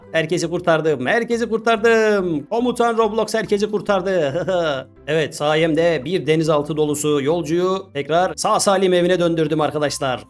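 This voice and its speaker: Brief: rapid, slightly high-pitched male gamer host, animated, exclaiming. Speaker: gaming video host. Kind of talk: excited gameplay commentary.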